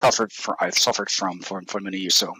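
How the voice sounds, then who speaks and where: A man with a Polish accent giving an academic conference presentation, haltingly, with frequent throat-clearing and grunting noises. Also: low voice, fairly even intonation, sharp tone, no room sound, rough recording. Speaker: university lecturer, conference speaker. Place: online talk given inside a virtual world.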